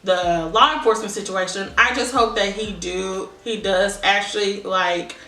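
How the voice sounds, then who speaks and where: Bright-voiced young woman chatting, echoey room. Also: medium pitch, normal speed. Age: young adult. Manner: rambling, conversational, thinking aloud. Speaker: vlogger. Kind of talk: casual chit-chat monologue. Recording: echoey room, distant mic.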